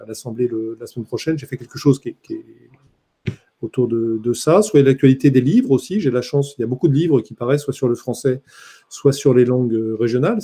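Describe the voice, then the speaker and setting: Guy journalist giving a talk, real husky voice, gets fired up and emphatic. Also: mid-range voice, dark tone. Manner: impassioned, emphatic. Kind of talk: conference talk.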